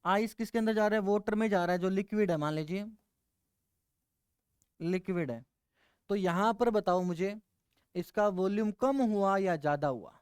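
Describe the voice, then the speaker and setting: A male chemistry teacher gives a classroom lecture. He mixes terms into his talk, keeps asking the students questions and answers them himself. His voice is smooth and resonant, recorded close and dry. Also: high voice, normal speed, long pauses, a little mellow, no room sound.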